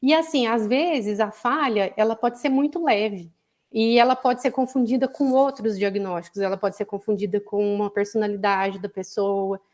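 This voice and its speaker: A woman's voice: medium pitch, steady tone, normal speed, a little mellow. A woman psychologist with a Brazilian accent giving a conversational lecture, explaining patiently and often adding "né?" as a tag. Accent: Brazilian Portuguese. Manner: explanatory, frequent "né?" tags. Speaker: psychologist, guest speaker. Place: online live broadcast.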